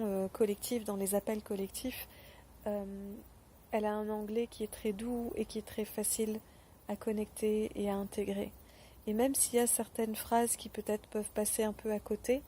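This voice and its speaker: A woman giving a spoken testimonial straight to the viewer, gentle and earnest, with hesitant pauses and fillers. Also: medium pitch, a little hiss or hum. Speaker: former program participant giving a testimonial.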